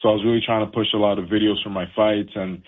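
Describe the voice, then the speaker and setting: A young Canadian pro boxer chats in a laid-back way during a casual phone interview, full of fillers and laughs. His voice is fairly low with little pitch movement and a fast pace, over a tinny phone line.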